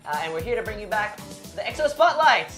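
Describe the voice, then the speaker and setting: A woman's voice: mid-range voice, big pitch swings, fairly quick. A woman co-hosting a casual dance podcast, asking playful, teasing questions. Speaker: podcast co-host. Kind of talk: casual interview chat. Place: dance studio room. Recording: echoey room with music behind.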